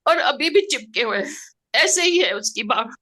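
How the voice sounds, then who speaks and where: A middle-aged woman recounts a personal experience with open feeling and plenty of expression. Her voice sits a little high, with a bright, forceful edge. Now and then she slips English words into her speech. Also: expressive, moderate pace. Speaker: participant sharing a personal experience. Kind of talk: emotional personal storytelling.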